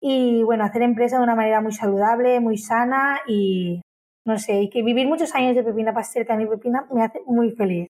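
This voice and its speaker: In an interview, a business owner with a high, slightly mellow voice talks briskly and enthusiastically about the company she runs. Her intonation stays fairly even, and she keeps repeating words as she speaks.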